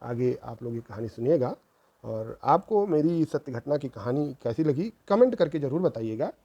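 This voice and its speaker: A man's voice: mid-range voice, sing-song, normal speed, creaky, muffled recording. A middle-aged man, host of his channel, earnestly telling a true family story in a reproachful, moralizing way, repeating phrases for emphasis.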